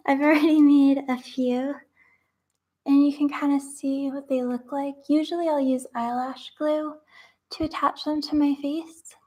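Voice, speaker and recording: A woman's voice: high voice, fairly even intonation, measured pace, darkish tone. A young woman chatting casually while making crafts, rambling with lots of fillers and sometimes dropping to a whisper.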